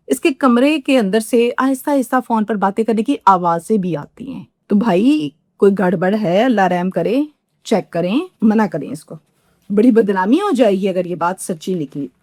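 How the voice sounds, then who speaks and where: A woman's voice: medium pitch, no room sound, studio quality. A middle-aged woman presents a true-crime story, indignant and moralizing, and repeats words for emphasis.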